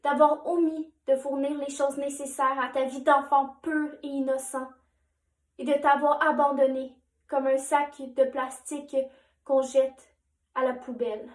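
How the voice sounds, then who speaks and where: Young woman, high voice, grave spoken-word monologue delivery in a reverberant room. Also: level tone, unhurried. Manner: solemn, addresses the listener directly. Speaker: monologue performer. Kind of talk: recited dramatic monologue.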